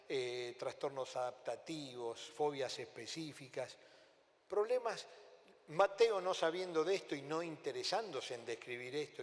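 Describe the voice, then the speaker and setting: Argentine pastor preaching in a reverberant church. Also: male voice, medium pitch. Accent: Rioplatense Spanish. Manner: animated storytelling preacher, asks the audience questions. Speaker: pastor and psychiatrist. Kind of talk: sermon. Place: church hall. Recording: long hall reverb in a church.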